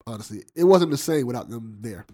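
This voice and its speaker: A man's voice: medium pitch, expressive, a little fast, mellow. A man co-hosting a casual podcast chat, laid-back and opinionated. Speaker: podcast co-host.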